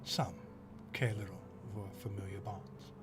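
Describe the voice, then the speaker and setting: A man's voice: fairly low pitch, steady tone, a little slow, music in the background, close to an everyday voice. A man voicing a cold royal mother who speaks in a cool, dismissive way in a tabletop game.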